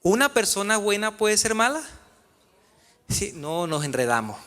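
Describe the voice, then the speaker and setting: A man's voice: sits high, big pitch swings, measured pace, pushed and bright. A man preaching a sermon as pastor, questioning his congregation in a church. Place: church sanctuary. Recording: reverberant church hall.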